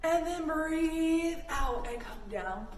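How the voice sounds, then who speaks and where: A Canadian woman leads a story-based kids' yoga class, walking children through each pose with simple, encouraging instructions. Her high voice is expressive and slow. The mic is distant, the room echoes, and there's background noise.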